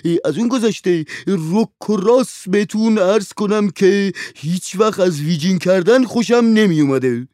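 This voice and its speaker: A man's voice: high-pitched, lively intonation, few pauses, dark tone, dry recording, clean studio sound, voice pushed up. A man voicing a lazy male servant who moans and complains in a storybook reading. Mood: pleading. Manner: moaning, complaining.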